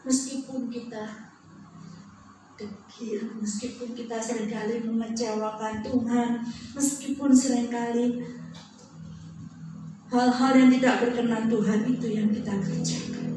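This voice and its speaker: A woman's voice: fairly high pitch, fairly even intonation, measured pace, long pauses, music in the background. A woman preacher reading Bible verses aloud and acting them out with scorn. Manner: dramatic, acts out the verses with scorn. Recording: very echoey room, heard from a distance.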